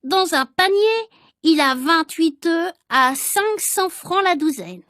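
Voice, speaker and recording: A woman voicing a prim, whiny schoolboy in a storybook, speaking slowly and pleadingly. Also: sing-song, fairly bright tone, no room sound, studio quality, heavily acted. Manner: high-pitched and whiny, slow and pleading.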